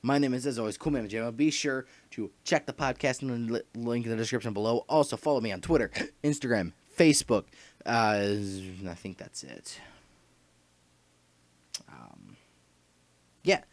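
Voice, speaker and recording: A man's voice: mid-range voice, lively intonation, moderate pace, no room sound. A young man rambling through a casual vlog announcement, full of fillers and restarts, his throat dry and short of breath. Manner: rambling, repeats himself, many fillers and restarts. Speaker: YouTuber announcing his podcast.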